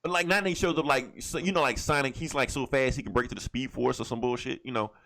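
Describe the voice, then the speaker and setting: A podcast co-host talks about movies in a casual, blunt and irreverent way, swearing plenty. His mid-range voice is a bit bright, and he speaks at a quick pace.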